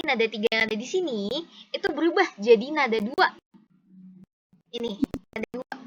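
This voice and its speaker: A woman with a high, clear, bright voice gives a casual one-on-one lesson, walking through each point patiently and repeating examples. She is heard over a video call. The sound is a little muffled and lo-fi. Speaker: Mandarin tutor.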